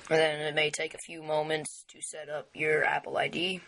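At normal speed and in a level tone, a young man losing his voice rambles through a casual phone-setup walkthrough full of fillers. He makes tech videos; here a camera aims down at the device on a wooden table indoors, catching his gravelly, sharp, fairly high voice along with a little hiss or hum.

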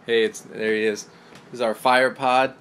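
A young man chats and jokes in a relaxed, swearing way, his voice recorded inside a clothes closet lined with shirts. He runs a casual vlog for his band. A faint hiss of ambient noise sits behind him. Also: mid-range voice, normal speed. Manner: joking, loose, cussing. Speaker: band member.

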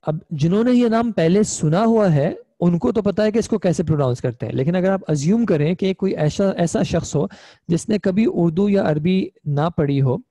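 This young man's voice is high and mellow, expressive, and moderately paced, recorded without room sound. Teaching Arabic grammar online, he goes step by step with patience and keeps checking on his class with "ठीक है?".

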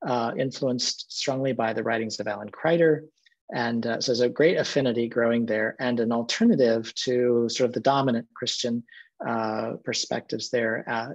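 A middle-aged seminary president tells stories earnestly and reflectively during a video-call interview from his office lined with bookshelves. His mid-range voice carries a breathy edge, and the call audio is muffled.

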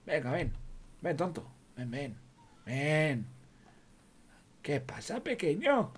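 A man's voice: on the high side, sing-song, takes it slowly, a little hiss or hum. A man with a Spain Spanish accent doing in-character game role-play commentary, joking, swearing, talking to himself and cooing at animals. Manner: jokey, swears a lot, talks to himself and coos at animals. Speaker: roleplay streamer.

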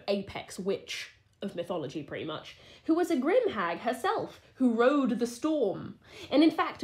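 A woman co-hosting a podcast, reading a folklore story with playful asides. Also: on the high side. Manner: lively, playful, giggly asides. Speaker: podcast co-host.

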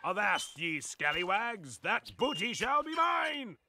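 A man voicing a goofy, childlike, dim-witted cartoon monster, excitable and naive. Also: very high-pitched, unhurried, very noisy, heavily acted. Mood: greedy glee. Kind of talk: cartoon character acting.

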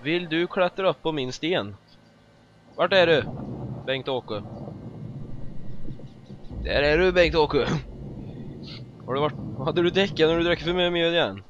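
A man giving casual gameplay commentary as a let's play host, excitable and swearing often as he jokes about the game. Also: on the high side, pauses often, noisy background. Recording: dull lo-fi recording with faint music.

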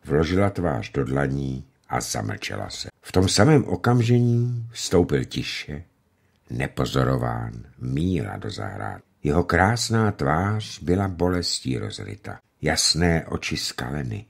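A man narrating a classic novel as an audiobook reader, expressive and measured. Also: extremely low pitch, vocal fry, slightly rough.

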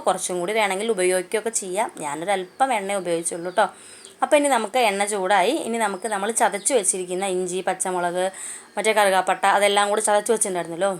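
Quick-talking chatty Malayali home cook. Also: female voice, medium pitch. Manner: chatty, homely, keeps adding "kettō" asides. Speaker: cooking channel host. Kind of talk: casual cooking vlog narration. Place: home kitchen. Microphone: phone.

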